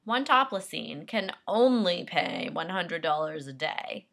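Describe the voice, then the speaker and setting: A young woman with a low, gravelly voice that still cuts through bright and sharp. She talks through a comedy sketch in a dry, sarcastic, deadpan way, with music faint behind her. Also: a little slow. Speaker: actress. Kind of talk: comedic self-tape sketch.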